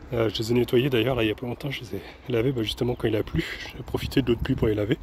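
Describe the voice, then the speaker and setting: A man from France filming a casual travel vlog outdoors on a handheld camera, chatty and relaxed, with soft laughs and hesitant fillers. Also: medium pitch, very fast, a little hiss or hum. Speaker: travel vlogger. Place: outdoors, walking around a van and an old town.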